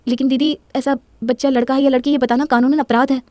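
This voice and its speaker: A woman's voice: high voice, flat delivery, fast talker, a little mellow, dry recording, lightly acted. A woman voicing a timid, anxious young pregnant wife who speaks hesitantly. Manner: hesitant, pleading.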